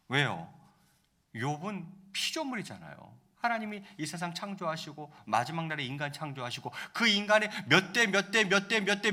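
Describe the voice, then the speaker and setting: A man's voice: on the high side, sharp tone. A male pastor giving a conversational sermon, often asking the congregation rhetorical questions.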